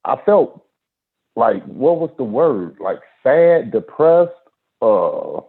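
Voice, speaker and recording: A man talking casually on a group voice chat, earnest and halting, restarting his sentences as he goes. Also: medium pitch, big pitch swings, vocal fry, husky. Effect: heard over a group voice chat line. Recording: tinny phone-like voice chat audio.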